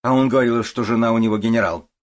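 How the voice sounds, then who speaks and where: A man's voice: medium pitch, steady tone, fast talker, voice pushed up, close to an everyday voice. A man voicing a blunt, stubborn woman police officer who speaks in a curt, sardonic way, in an audiobook.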